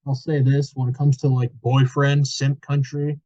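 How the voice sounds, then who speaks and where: A man co-hosting a podcast, relaxed and agreeable, asking the guest questions in a casual chat. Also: medium pitch, normal speed, no room sound. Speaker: podcast co-host. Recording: dry, slightly dull mic.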